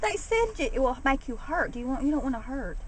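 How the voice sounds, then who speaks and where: A woman's voice: sits high, sing-song, brisk. A woman chatting casually inside a car as she looks after someone. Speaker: companion looking after a patient. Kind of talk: casual chat. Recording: faintly noisy in-car camera recording.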